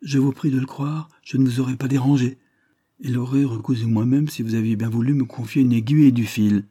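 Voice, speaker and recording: A man doing a charming young gentleman. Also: medium pitch, fairly even intonation, brisk, slightly rough, dry recording, studio quality, voice pushed up, close to an everyday voice. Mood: courteous.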